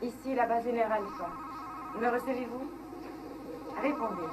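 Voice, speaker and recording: An actress playing a steady woman radio operator on a moon base in a dubbed science-fiction series, with formal, repetitive calls. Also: a little high, moderate pace, noisy background, natural voice. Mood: insistent, controlled. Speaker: communications officer. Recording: music behind the voice.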